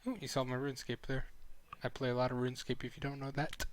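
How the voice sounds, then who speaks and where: Speaking at a quick pace with a medium pitch and a completely flat delivery, a young esports analyst hosts his casual weekly live-stream review. He rambles and chats, full of fillers and self-corrections, while a sore throat starts to cost him his voice.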